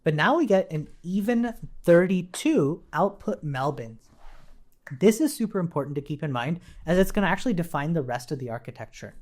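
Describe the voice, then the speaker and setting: Thinking aloud as he works, this coding instructor explains his walkthrough informally in a fairly high, animated voice that runs a little fast. The recording carries faint background noise along with computer keyboard typing and clicks.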